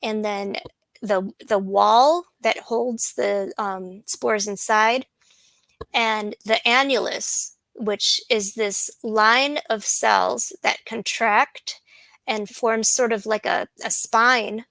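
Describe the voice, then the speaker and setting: A woman botanist giving an unhurried slide lecture, with frequent ums and restarts. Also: mid-range voice, steady tone, gravelly, a bit bright, no room sound, poor audio. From USA.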